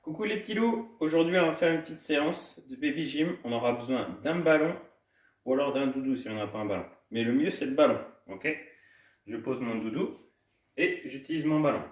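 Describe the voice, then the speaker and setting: A man's voice: mid-range voice, a little fast. Cheerful man coaching kids' gym, echoey room. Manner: cheerful, sing-song, demonstrating while moving. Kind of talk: instructional talk to small children. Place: indoor room at home. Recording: echoey room, distant from mic.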